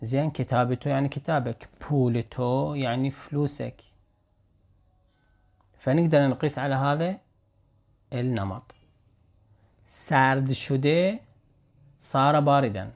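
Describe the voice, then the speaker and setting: Male language teacher, Iraqi Arabic accent, patient, repeats examples slowly. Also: mid-range voice, vocal fry, a little mellow. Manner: slow careful repetition of example phrases. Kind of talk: explaining Persian phrases in Arabic.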